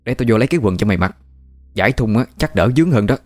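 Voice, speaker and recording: A man voicing a scolding older countrywoman who runs a shop, talking rapidly and exclaiming. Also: on the low side, animated, dry recording, clean studio sound, natural voice.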